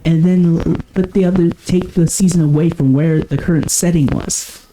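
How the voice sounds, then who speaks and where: A man's voice: a little high, steady tone, moderate pace, dark tone, low-quality recording. A man co-hosting a podcast, chatting casually and often stopping to correct himself. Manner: rambling, self-correcting. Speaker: podcast co-host. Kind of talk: casual chat.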